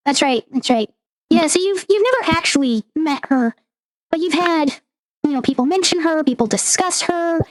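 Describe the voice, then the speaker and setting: A woman's voice: high-pitched, moderate pace, no echo, low-quality recording. A woman game master narrating a tabletop roleplaying game in a descriptive, scene-setting way.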